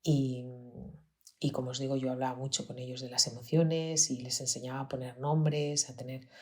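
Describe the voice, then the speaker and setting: A woman's voice: rumbling low, steady tone, moderate pace, darkish tone. A woman with a Spanish accent from Spain, hosting a podcast and reflectively telling a personal story, often dropping to a near-whisper. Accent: Peninsular Spanish. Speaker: podcast host, pediatrician.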